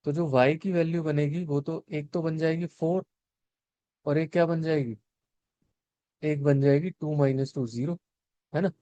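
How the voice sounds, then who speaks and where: Mixing Hindi and English, a young man teaches maths step by step, asking his students questions and supplying the answers. His voice is fairly high with a darkish tone, and there's no room sound.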